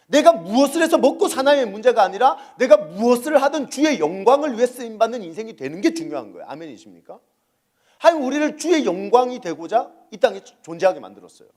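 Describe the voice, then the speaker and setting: A man's voice: very high-pitched, darkish tone. A man preaching a sermon as pastor at a church service, often asking the congregation questions.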